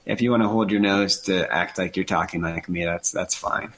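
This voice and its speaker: Low-voiced and mildly nasal, a man in his thirties co-hosts a casual podcast, sharing earnest personal anecdotes punctuated by self-deprecating laughs. His pace is moderate, his tone fairly bright, and his intonation fairly even.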